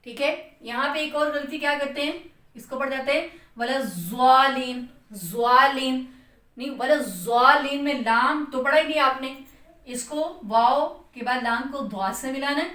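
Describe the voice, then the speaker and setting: A woman's voice: high-pitched, normal speed, a bit bright, roomy sound, distant mic. A woman with a Pakistani Urdu accent teaching Quran recitation, patiently explaining where a letter is sounded and chanting long demonstrations of it. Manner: patient, repeats "theek hai" to check understanding. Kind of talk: tajweed lesson explaining letter articulation.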